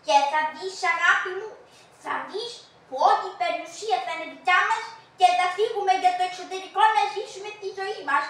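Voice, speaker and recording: A sly young wife sweet-talks her lover in a high voice. The sound is very echoey and comes from some way off the mic, like a live shadow puppet show. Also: steady tone, fairly bright tone. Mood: coaxing. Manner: sweet-talking, coaxing. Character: scheming unfaithful young wife. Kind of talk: shadow puppet theatre voicing. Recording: very echoey, heard from a distance.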